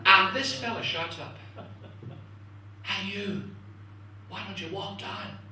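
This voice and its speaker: A man doing stand-up one-liners in a club, chatting to the audience as ladies and gentlemen. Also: high-pitched, takes it slowly, slight background noise. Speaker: stand-up comedian. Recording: echoey club from a distance. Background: audience laughter.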